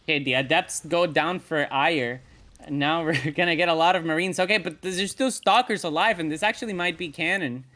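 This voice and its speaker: Bright-voiced man calling esports play-by-play. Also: on the high side. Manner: brisk play-by-play, chuckles between calls. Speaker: esports caster. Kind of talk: live game commentary.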